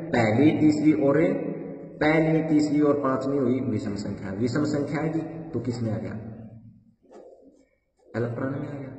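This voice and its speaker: Man teaching in an echoey room. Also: mid-range voice. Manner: explains step by step, repeats points, addresses students as brother. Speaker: exam prep teacher. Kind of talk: Hindi grammar lesson. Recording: echoey room, distant mic.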